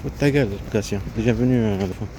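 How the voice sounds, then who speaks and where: A man's voice: lowish voice, fast. A man vlogging outdoors on a phone, talking in an agitated, rambling way with many restarts. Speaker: vlogger seeking an internship. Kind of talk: casual vlog monologue. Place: outdoors in the street, looking for shade. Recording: loud outdoor street noise.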